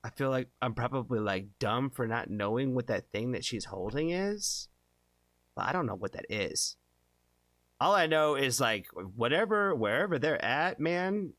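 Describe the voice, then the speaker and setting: A man's voice: mid-range voice, lively intonation, unhurried, a bit bright, no echo. Rambling man reacting to a music video. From born in Japan, left as an infant. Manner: rambling, lots of fillers and restarts. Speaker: music reaction channel host. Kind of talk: casual reaction commentary.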